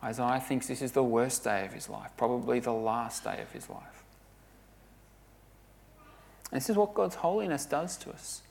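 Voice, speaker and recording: A man delivers a sermon at a middle pitch, earnest and emphatic. He leans hard on key words, then sinks to a near hush to drive a point home. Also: moderate pace, creaky, pauses often. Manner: earnest, emphatic preaching with dramatic drops to a hush. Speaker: preacher.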